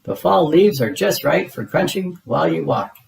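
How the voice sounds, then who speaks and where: A man's voice: fairly high pitch, expressive, normal speed, gravelly, pitched above the performer's own voice. Baby Bear, cheerful cub voiced by a man. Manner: bright, chatty, childlike.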